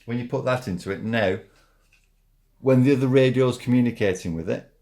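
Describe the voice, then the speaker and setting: A man giving a casual, hands-on product review in an informal, halting way, repeating himself as he demonstrates. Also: mid-range voice, dark tone.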